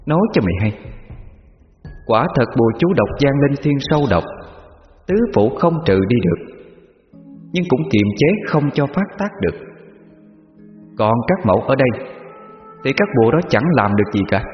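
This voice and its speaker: A man's voice: medium pitch, sing-song, normal speed, pauses often, faint music behind, voice pushed up, close to an everyday voice. A man voicing a stern regal mother goddess. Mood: stern scolding. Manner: commanding, scolding. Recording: muffled, with long reverb.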